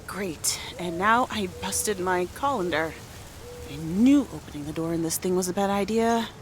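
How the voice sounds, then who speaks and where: A woman's voice: on the low side, moderate pace, a little hiss or hum, natural voice. An actress playing a wry, busy small-town mother in her forties in a video game, with a curt, sarcastic way of talking.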